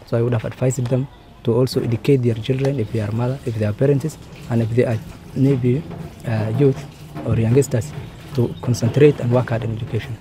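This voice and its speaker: Man, interview answers, very dark voice, flat delivery, hedging. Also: medium pitch, a little hiss or hum. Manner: measured, hedging with "maybe".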